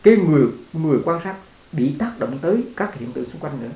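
A man's voice: a little high, expressive, fast talker, warm tone. A man teaching as a Buddhist teacher in a conversational dharma talk, repeating words and laughing along with his listeners. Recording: echoey room.

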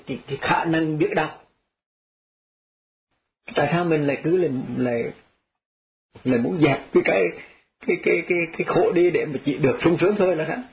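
A man, a Buddhist monk, gives a folksy, repetitive dharma talk and chuckles as he tells parables. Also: a little high. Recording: slightly dull lo-fi audio.

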